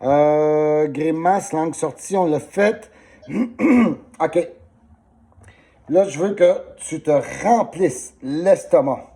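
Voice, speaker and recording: Slow-talking singing teacher with sore throat. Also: male voice, fairly high pitch, dark tone. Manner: patient, instructive, demonstrating vowels. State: sore throat, coughing often. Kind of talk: one-on-one voice lesson.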